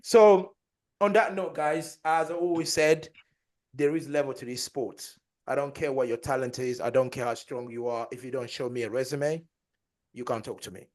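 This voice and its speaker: A man's voice: medium pitch, steady tone, normal speed, a little mellow. A man co-hosting a casual podcast chat, talking in a boastful, joking way and laughing often. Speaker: podcast co-host and powerlifter.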